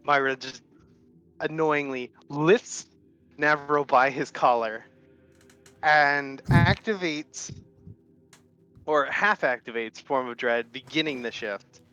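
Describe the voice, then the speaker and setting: A man's voice: fairly high pitch, slow, long pauses, pushed and bright, clear, resonant tone, muffled recording, soft background music. A man playing a tabletop game, casually describing what his character does.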